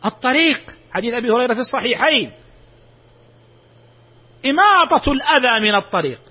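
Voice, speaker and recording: A man's voice: high voice, sharp tone, breathy edge. A man giving a sermon, emphatic, his voice rising sharply when he exclaims. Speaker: preacher. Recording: dull lo-fi recording.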